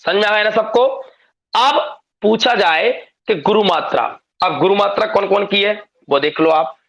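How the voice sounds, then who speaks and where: Male classroom teacher, high and gravelly, patient step-by-step explainer who quizzes students. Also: normal speed, a bit bright, dull audio. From India. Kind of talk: classroom grammar lesson.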